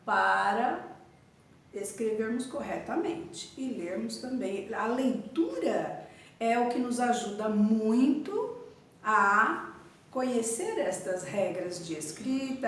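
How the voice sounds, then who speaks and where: A woman with a fairly high voice gives a slow classroom literacy lesson, spelling syllables letter by letter and repeating each word. The recording picks her up from far off in an echoey room, with a little hiss or hum.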